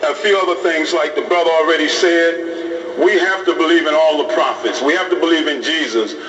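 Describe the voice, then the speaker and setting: Middle-aged imam, fairly high voice, plain-spoken, heard in an echoey hall, mic at a distance. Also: male voice, fairly quick, a bit bright, dull audio. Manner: plain-spoken, repeats phrases for emphasis. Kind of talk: informal talk to police recruits.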